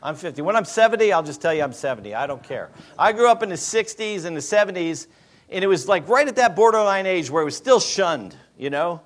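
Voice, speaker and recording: A man's voice: high voice, expressive, fairly quick. A man in his fifties, a pastor, preaching a sermon with emphatic rhetorical questions to a congregation. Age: 50s.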